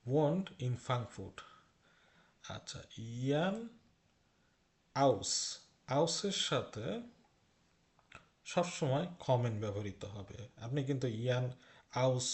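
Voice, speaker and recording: Slow, patient man teaching a lesson. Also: medium pitch, a little mellow. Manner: slow, patient, repeats with "ঠিক আছে?"; says German phrases very slowly and carefully. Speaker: German language teacher. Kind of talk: explaining a textbook lesson.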